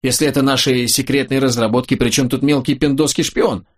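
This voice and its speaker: A man's voice: medium pitch, steady tone, a little fast, voice pushed up, natural voice. A man reading an audiobook, voicing a blunt, crude young man who speaks in an offhand way. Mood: grudging.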